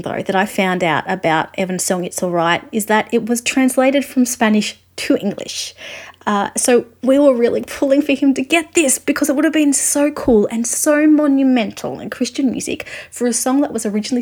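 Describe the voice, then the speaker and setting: A woman's voice: a little high, a little mellow. A woman presenting a show, introducing interview segments in a chatty, enthusiastic way. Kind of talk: linking narration.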